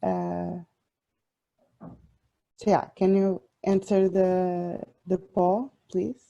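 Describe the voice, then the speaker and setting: A young woman from Portugal, a software developer, giving an online talk with many fillers and restarts. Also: lowish voice, little pitch movement, extremely slow, gravelly, highs cut off. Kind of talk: online presentation.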